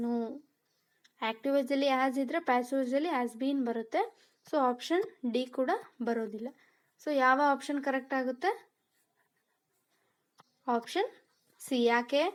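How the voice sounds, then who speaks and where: A woman teaching English grammar for exams, explaining step by step and asking rhetorical questions. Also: high voice. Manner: mixes Kannada with English terms; reads English sentences slowly. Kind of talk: exam-prep lesson.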